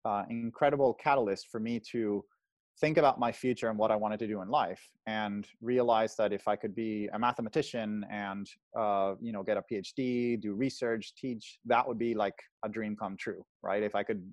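A man's voice: fairly low pitch, fairly even intonation, normal speed, no echo. A man in his thirties from Venezuela, a guest telling his story on a video call from home, hesitant with many fillers. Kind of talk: casual interview storytelling. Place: home, indoors.

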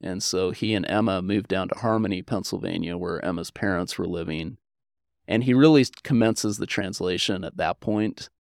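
An American man being interviewed as a historian explains things and shares personal stories in an earnest, informal, conversational manner. His voice is low with vocal fry, his pace moderate. The studio-quality recording has no room sound.

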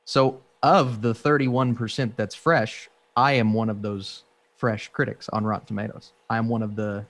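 A man co-hosting a casual movie podcast, easygoing and agreeable with animated asides. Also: lowish voice, moderate pace. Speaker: podcast co-host, film critic. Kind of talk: casual chat.

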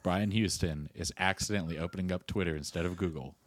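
A man's voice: deep voice, quick pace. A man co-hosting a podcast in casual chat, wry and joking, laying out the topic plainly. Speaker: podcast co-host.

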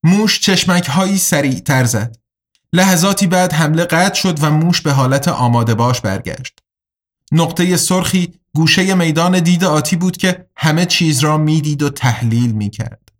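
A man narrating an audiobook in a measured, even storytelling manner. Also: on the high side.

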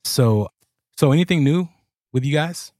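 A man's voice: fairly high pitch, animated, measured pace, darkish tone, no room sound, studio quality. A man hosting a podcast in a casual, chatty style. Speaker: podcast host. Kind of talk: casual chat.

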